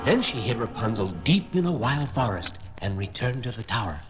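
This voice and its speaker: A man narrating a fairy tale on a vintage children's record in an expressive storytelling voice. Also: medium pitch, normal speed, faint music behind, rough recording.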